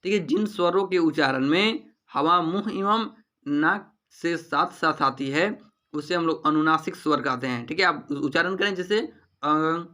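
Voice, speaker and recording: A man's voice: fairly high pitch, bright, forceful tone. A man teaching an exam-prep grammar lesson, repeating each point back to students as a question.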